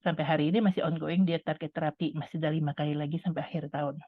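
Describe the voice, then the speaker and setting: A middle-aged woman shares a personal testimony in a chatty, conversational way, talking to her listeners as if they were friends. Her voice is deep and fairly even in intonation, and she speaks very fast. The sound is dry, with no room sound, over a tinny, phone-like line.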